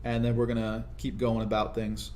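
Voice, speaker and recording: A young man giving casual, explanatory commentary over his own gameplay, often tagging his points with quick check-ins to the listener. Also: on the low side, monotone, a little mellow, a little hiss or hum. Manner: conversational, explanatory, frequent "right?" tag questions. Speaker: gaming video commentator.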